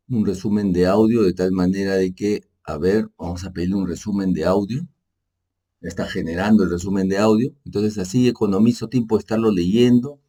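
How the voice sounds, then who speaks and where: An energy manager narrates his screen as he demonstrates software in an unscripted tutorial. A native Spanish speaker with a deep, low voice and dark, mellow tone, he stays casual and explanatory, taking his time, correcting himself, and sprinkling in "pues" and "¿no?"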